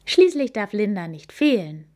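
A woman's voice: mid-range voice, sing-song, moderate pace, darkish tone, voice pushed up, natural voice. A woman voicing an eager, helpful young female animal in a storybook reading.

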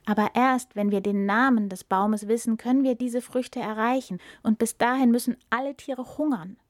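Female storyteller; calm, expressive narration, dry and close. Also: a little high, normal speed, dry recording.

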